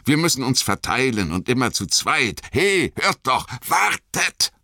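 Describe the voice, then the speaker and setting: A man's voice: sits low, very animated, moderate pace, fairly bright tone, no echo, clean studio sound, pitched above the performer's own voice. A man voicing a stern male leader who questions sharply and gives urgent orders.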